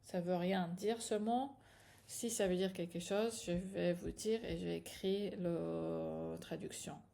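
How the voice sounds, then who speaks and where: A woman's voice: lowish voice, fairly even intonation, slow pace, vocal fry, dark tone. A woman teaching a patient, step-by-step reading lesson, often checking in with her students. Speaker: Hebrew teacher.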